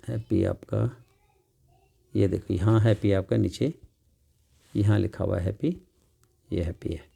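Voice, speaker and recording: A man tutoring English from a children's workbook, explaining slowly and repeating each word, asking questions and answering them himself. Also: lowish voice, steady tone, creaky, mellow, husky. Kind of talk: classroom lesson explaining a workbook.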